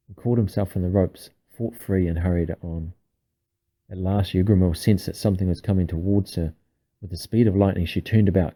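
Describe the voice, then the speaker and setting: Man, bedtime story reading, very low pitch, very dark tone, unhurried and hushed. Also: husky, poor audio. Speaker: reader.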